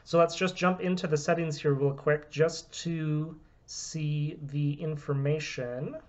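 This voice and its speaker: An American man in his thirties who owns a phone repair business steadily walks through a phone unlock demo from a small room at home. His voice is on the high side and slightly dark, with fairly even intonation and a slightly slow pace. The product demonstration is recorded with dull, lo-fi camera audio.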